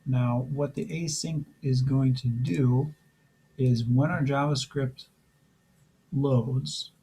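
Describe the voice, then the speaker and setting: A man who is losing his voice, teaching a programming lesson step by step in a relaxed way with frequent fillers. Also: mid-range voice, slight background noise, poor audio. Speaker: programming instructor. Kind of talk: screen-recorded coding tutorial.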